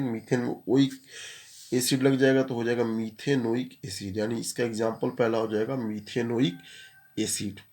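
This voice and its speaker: A man's voice: mid-range voice, a little mellow. A man talks through a chemistry lesson in a mid-range voice. He moves step by step, repeats each key term, and poses questions that he answers himself. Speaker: chemistry teacher. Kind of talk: classroom lecture.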